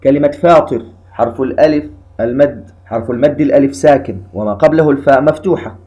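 A man teaching a tajweed lesson, calmly explaining rules and slowly drawing out recited examples. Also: medium pitch, dull audio. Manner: calm explanatory, slow drawn-out recitation of examples.

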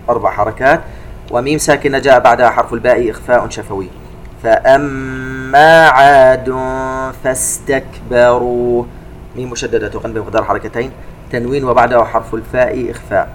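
Calm man teaching Quran recitation rules. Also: medium pitch, a little hiss or hum. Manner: calm, measured explanations between slow chanted verses. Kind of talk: tajweed lesson explaining recitation rules.

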